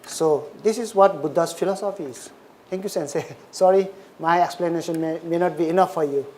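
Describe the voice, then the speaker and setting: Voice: mid-range voice, a little fast, darkish tone. Lecturer. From Nepal. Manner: short, repeated, simple English phrases. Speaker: Buddhist lecturer. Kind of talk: dharma talk with Q&A.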